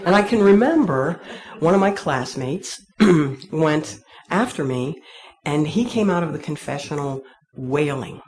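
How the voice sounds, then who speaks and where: Sharing her own faith testimony before an audience, this woman is frank, wry and ready to laugh at herself. She speaks at a measured pace with hardly any pauses, her low, expressive voice slightly mellow.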